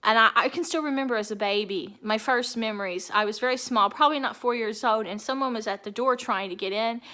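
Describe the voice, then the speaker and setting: A woman in her fifties speaking in a halting, emotional personal monologue, often restarting her sentences. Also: fairly high pitch, sharp tone. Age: 50s.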